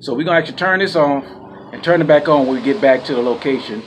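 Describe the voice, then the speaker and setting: An upbeat man in his forties chats to the camera outside his home, his voice at an ordinary middle pitch. He explains things easily and laughs along the way. A faint outdoor noise sits under the voice. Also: quick pace. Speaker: vlog co-host. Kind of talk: casual vlog chat. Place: outdoor patio and garage of a home. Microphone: camera a few feet away.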